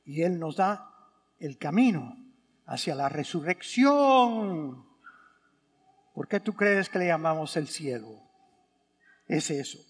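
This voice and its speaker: A man's voice: fairly high pitch, very animated, takes it slowly, pauses often. A man, a priest giving a sermon at Mass, who asks rhetorical questions and repeats words for emphasis. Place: church. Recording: church with long reverb.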